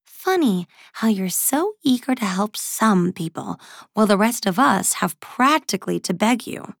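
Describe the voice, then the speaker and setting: A woman voicing a cold undead young woman who scolds and teases in a raised, bright voice. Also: medium pitch, lively intonation, gravelly, dry recording, studio quality. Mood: teasing. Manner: scolding, quick, teasing.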